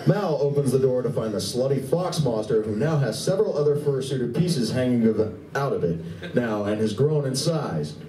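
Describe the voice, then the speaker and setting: A man reads stage-direction narration for a live radio play in a convention room, with a mellow, medium-pitched voice, lively intonation and normal speed. The distant mic catches room echo and faint noise.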